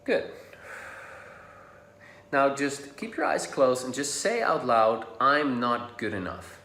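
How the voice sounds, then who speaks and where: In an echoey room, a man from the Netherlands whose first language is Dutch guides a tapping lesson as a social anxiety coach. His medium-pitched voice swings widely in pitch, and his casual, encouraging tone turns soft and slow during guidance.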